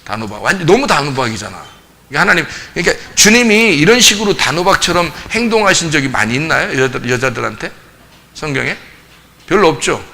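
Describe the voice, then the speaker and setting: A man's voice: on the high side, fairly quick, slight background noise. A male pastor teaching a casual Bible study, asking his group questions and acting out scenes from the text. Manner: animated, acts out scenes, asks the group questions. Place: church.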